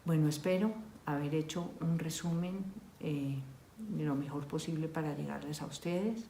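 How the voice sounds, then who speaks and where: Low-voiced woman therapist giving advice. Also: moderate pace, vocal fry. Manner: calm, explanatory, gives worked examples. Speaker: family and couples therapist. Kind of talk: advice talk. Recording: echoey room with faint noise.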